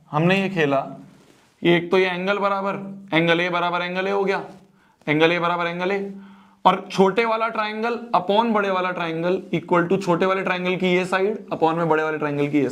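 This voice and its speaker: A young man teaching a math exam-prep lesson, repeating phrases and checking that students follow. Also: high voice.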